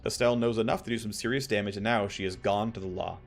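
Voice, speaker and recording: A man's voice: lowish voice, steady tone, quick pace, gravelly, soft background music. A man reading the game dialogue of a hard, businesslike crime boss, blunt and commanding. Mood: grim, commanding.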